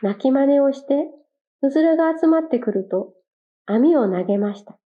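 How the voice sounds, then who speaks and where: A woman narrating a children's fable in a gentle, clear storytelling manner. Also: high voice, expressive, normal speed. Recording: dull lo-fi recording.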